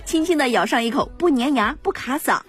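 A woman's voice: high voice, animated, a little fast, husky, soft background music. A woman presenting a radio shopping ad in an insistent hard-sell style, repeating prices and numbers.

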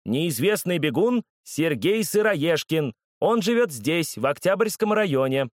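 A tall, sturdy race judge, as a male narrator puts him on, brisk and commanding with a lively, varied delivery. The sound is dry and close. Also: on the high side, dry recording, pitched above the performer's own voice.

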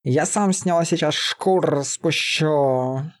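A man's voice: a little high, voice pushed up. A man putting on a growling furry beastman. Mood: growling angry. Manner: growling, slow and heavy. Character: gruff furry beastman warrior, male, short-tempered.

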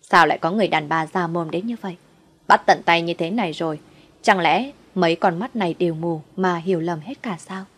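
A woman's voice: lowish voice, a little fast, a bit bright, slightly rough. A woman narrating a first-person family drama story, telling it through the husband's eyes.

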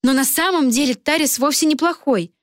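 Woman putting on a giddy lovestruck girl, higher voice, chatty n dreamy, dry close sound. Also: a little fast, no echo, close to an everyday voice. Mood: earnest. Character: cheerful lovestruck young woman student.

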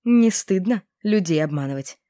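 A woman's voice: medium pitch, animated, moderate pace, dark tone, no echo, clean studio sound, natural voice. A woman voicing a bold young witch who talks in a sly, mocking way, in an audiobook.

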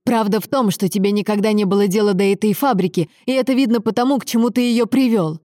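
A hot-tempered grown son shouting bitter accusations, as a woman reader puts him on. The voice is pushed up and strained, yet keeps a warm, mellow grain. Dry, close recording for a storybook audiobook. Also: high voice, steady tone, fast talker, no room sound, voice pushed up, natural voice. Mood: furious. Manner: shouting, hissing, bitter interrogation.

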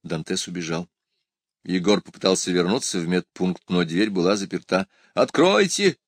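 A man reading a story aloud in a calm, quiet, even manner. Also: low voice, moderate pace, dry recording, studio quality. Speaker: audiobook narrator. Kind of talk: scripted narration.

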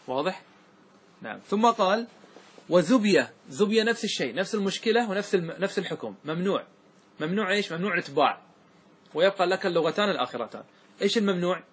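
Teaching a class Arabic grammar, this man speaks very fast in a high-sitting voice with lively intonation and a breathy edge. He explains a verse text, recites lines in a raised voice and repeats examples, often asking questions to make sure students are keeping up.

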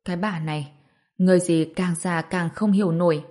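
A woman narrator voicing a grumbling old husband in a storybook reading, speaking quietly and gruffly. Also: on the low side, steady tone, a little fast, natural voice.

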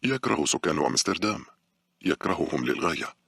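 A man narrating a horror audiobook in a steady, brisk storytelling manner. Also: extremely low pitch, creaky, slightly rough, no room sound, studio quality.

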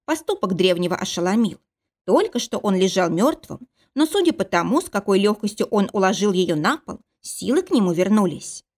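A woman's voice: medium pitch, big pitch swings, brisk, darkish tone. Woman narrating a fantasy romance audiobook. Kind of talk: scripted narration.

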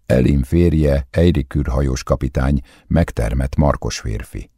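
Male audiobook narrator, calm and measured; very deep, dark voice, dry recording. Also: slightly rough, no room sound. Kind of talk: scripted narration.

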